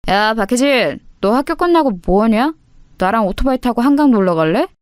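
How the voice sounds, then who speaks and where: A woman's voice: on the high side, animated, brisk, smooth, no echo, studio quality, natural voice. A woman voicing a menacing teenage male school bully who talks in threats, in an audio story. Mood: menacing swagger. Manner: threatening, swaggering.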